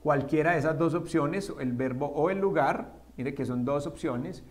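A man teaching English grammar at a whiteboard, asking his students questions and answering them himself, slowing down for the English examples. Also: on the high side. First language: Spanish. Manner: slows down to spell out English examples.

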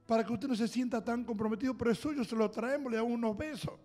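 A preacher voicing a young girl who offers, softly and sweetly, to help care for a baby. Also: extremely high pitch, steady tone, quick pace, soft background music, pitched above the performer's own voice. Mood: coaxing.

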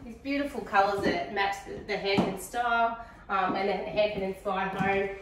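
A woman's voice: medium pitch, moderate pace, distant mic. A middle-aged woman with an Australian accent guiding a walking tour through a house, speaking enthusiastically. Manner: enthusiastic, gushing. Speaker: prize home tour guide. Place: large furnished house indoors. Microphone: handheld camera following her. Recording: roomy echo, off-mic at times, noisy.

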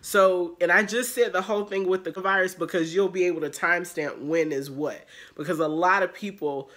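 A woman's voice: fairly low pitch, steady tone, normal speed, fairly bright tone. Nasal, congested woman vlogging. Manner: rambling, filler-heavy talk. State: congested with allergies. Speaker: haul vlogger. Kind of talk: casual chatty vlog.

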